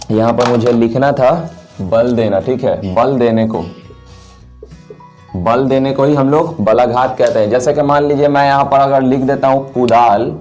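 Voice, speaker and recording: A man teaching a grammar lesson, patiently explaining and drawing out each example word slowly while he writes. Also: medium pitch, darkish tone.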